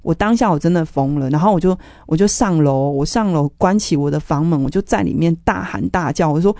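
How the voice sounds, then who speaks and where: A woman with a fairly low, dark and mellow voice shares her faith testimony in an interview. She tells it earnestly, with strong emotion running under her words. The sound is close and dry. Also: brisk, no room sound. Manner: earnest, emotional retelling of family conflict. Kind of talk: personal testimony storytelling.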